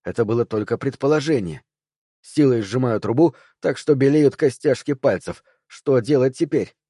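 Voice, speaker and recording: Male narrator, tense first-person thriller read, warm low timbre, dry booth. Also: normal speed, slightly rough, no echo. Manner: tense, voices several characters. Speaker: audiobook narrator.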